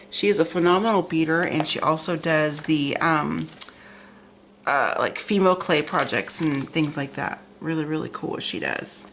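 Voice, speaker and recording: Chatting at home in a craft vlog, a middle-aged American woman rambles and gushes over pictures indoors. Her voice sits low yet sounds fairly bright, her articulation is a bit loose and tongue-forward, and there's a faint hiss or hum.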